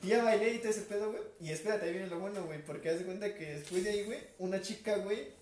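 Mexican man, high voice, quick storyteller, distant mic in an echoey room. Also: a little mellow. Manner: slangy, says "güey" constantly. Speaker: podcast guest or co-host. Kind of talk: casual storytelling chat. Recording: roomy, off-mic, faint noise.

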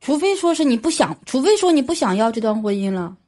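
Brisk, blunt woman hosting a radio show. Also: high-pitched, sing-song, dark tone. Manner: blunt and direct. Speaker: radio advice host. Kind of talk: radio call-in advice.

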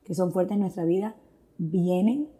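This is a woman on the low side of the pitch range, warm-toned and a bit slow. She's a guest telling her personal testimony of faith, reflective and earnest, dropping English phrases into her Spanish and using plenty of fillers.

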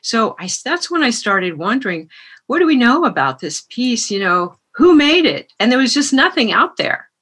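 Husky French-raised woman. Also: a little high, sing-song, moderate pace, a bit bright. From France. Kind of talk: interview, personal story. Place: remote call.

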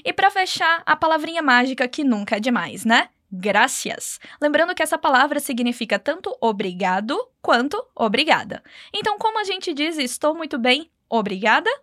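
A woman's voice: sits high, very animated, normal speed, fairly bright tone, no room sound, studio quality. A woman teaching Spanish phrases, patiently modeling words and encouraging the listener to repeat. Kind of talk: language lesson narration.

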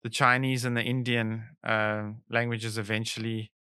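A man's voice: mid-range voice, little pitch movement, normal speed, sharp tone, smooth, no room sound, studio quality. A man co-hosting a podcast, rambling playfully and slipping in puns. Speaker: podcast co-host. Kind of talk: casual comedic chat.

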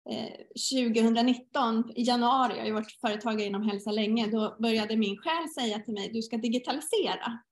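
A woman's voice: on the high side, few pauses. Woman telling stories in an echoey room. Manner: storytelling, acts out inner dialogue. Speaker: guest teacher. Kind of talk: casual podcast conversation. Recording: roomy echo.

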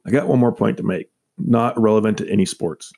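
A man's voice: fairly low pitch, fairly quick, gravelly, warm tone, husky. A man hosting a local sports radio show, reading scores and joking with his co-hosts in a casual, upbeat way.

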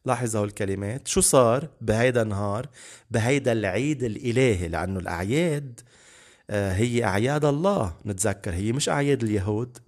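A man's voice: fairly low pitch, fast talker. A man teaching the Bible on a podcast, earnest and repeating key words for emphasis. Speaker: preacher.

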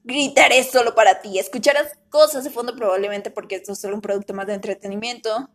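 A woman gives a comic, self-mocking rant about everyday annoyances. Her voice sits on the higher side, and her delivery is theatrical, dropping to hushed asides and rising to mock screams. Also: steady tone, quick pace. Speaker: vlogger. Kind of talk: comedic rant monologue.

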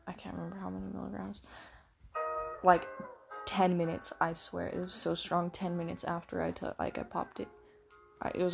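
Brief: young woman podcast host, low gritty voice, profane rambling storyteller, guitar music behind. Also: vocal fry. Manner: rambling, profane, filler-heavy. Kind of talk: casual storytelling chat.

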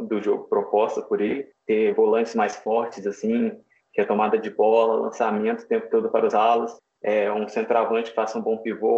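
A man talks as a guest, explaining casually. His voice is creaky, with plenty of fry, and the recording is roomy and dull. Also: fairly low pitch, darkish tone. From São João del Rei, Minas Gerais, Brazil. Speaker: podcast guest, fan page editor.

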